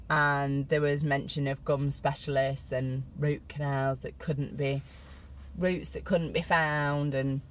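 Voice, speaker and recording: A middle-aged woman from Britain talks straight to the camera in a low, easy voice. She tells her story casually, poking fun at herself, and her pitch shoots up high when she wants to stress a point. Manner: chatty, self-mocking, with sudden high squeals for emphasis. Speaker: vlogger.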